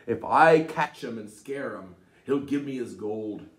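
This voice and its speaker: A man's voice: high voice, very animated, measured pace, a bit bright, pitched above the performer's own voice, full character voice. A man voicing Tom, a clever, eager young man who boasts and gives orders. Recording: echoey room, mic at a distance.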